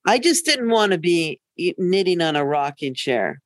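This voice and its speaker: An older woman over 50 co-hosts a podcast, chatting casually in a candid, anecdotal way with a dry joking streak. Her fairly low voice is very animated at a moderate pace, with no room sound.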